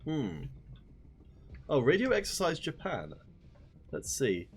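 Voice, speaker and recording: A man's voice: fairly high pitch, wildly swooping pitch, slow, slightly rough, faint music behind. A man casting a live esports stream, chatting upbeat and directly to viewers. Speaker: esports caster.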